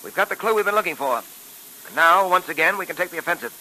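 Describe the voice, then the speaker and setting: A man playing a calm, clever police detective on an old radio show, explaining things patiently and with self-assurance. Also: high-pitched, quick pace, a little hiss or hum, poor audio. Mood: confident. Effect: old radio show broadcast. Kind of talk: 1940s radio acting.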